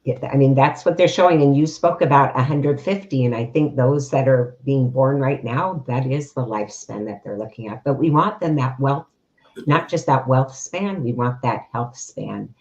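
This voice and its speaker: A woman retirement coach giving earnest, steady interview answers. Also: extremely low pitch, normal speed. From United States. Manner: earnest, steady, uses fillers. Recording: slightly dull, lo-fi.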